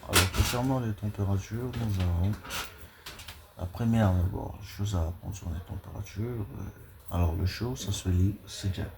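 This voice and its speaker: A man's voice: on the low side, moderate pace, vocal fry, noisy background. A man giving a vocabulary lesson, listing words one at a time and repeating each. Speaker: language teacher.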